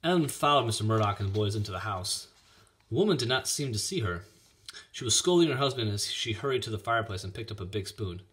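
A man reading a children's chapter book aloud in an expressive, lively manner. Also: on the low side, fast. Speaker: reader. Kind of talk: storybook read-aloud.

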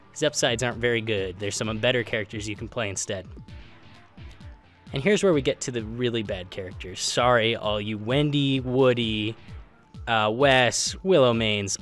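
Over background music, a gaming video narrator voices a game explainer in a mid-range, slightly bright voice. He's informal, opinionated and emphatic, tossing in casual asides.

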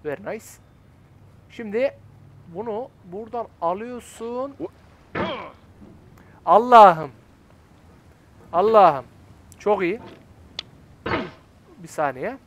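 A man's voice: sits high, lively intonation, slow, long pauses, slight background noise. A man in his twenties from Turkey giving casual gameplay commentary, coaxing himself and fretting aloud. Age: 20s. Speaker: gaming YouTuber.

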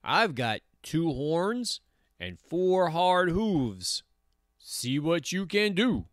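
A storyteller plays a big storybook billy goat. The voice is loud, bold and defiant, with slow, weighty delivery and no room sound. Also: mid-range voice, sing-song, dry recording, studio quality, voice pushed up. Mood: bold defiance.

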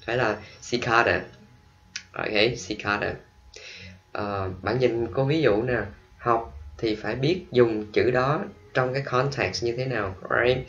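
A man with a Vietnamese accent teaching English vocabulary, explaining quickly, then drawing out each model word slowly for students to repeat. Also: mid-range voice, fairly bright tone, lo-fi sound. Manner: switches between quick explanations and slow drawn-out model pronunciations. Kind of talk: classroom vocabulary lesson.

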